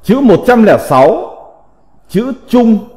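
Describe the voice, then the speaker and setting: A man teaching a slow recited vocabulary lesson, reading in a deliberate, measured way with drawn-out syllables. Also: sits high, sing-song, darkish tone. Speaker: teacher of classical characters. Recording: long reverb.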